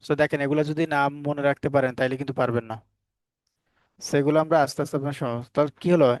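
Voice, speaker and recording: A man's voice: mid-range voice, fairly even intonation, quick pace, no echo. A man teaching a phonics class, spelling words out sound by sound and putting questions to the learners before answering them himself. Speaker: English teacher. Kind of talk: phonics lesson for Bengali learners.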